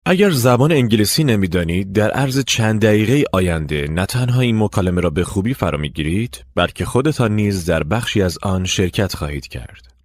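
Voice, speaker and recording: A man narrating a language lesson, giving clear step-by-step instructions. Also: on the low side, expressive, dry recording, studio quality. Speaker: language teacher.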